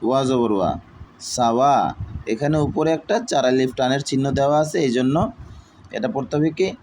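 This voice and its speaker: A man teaching Quran reading, who spells out each letter and vowel mark slowly and then reads the whole word. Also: mid-range voice, fairly even intonation, a little mellow, slight background noise, rough recording. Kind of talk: slow letter-by-letter recitation lesson.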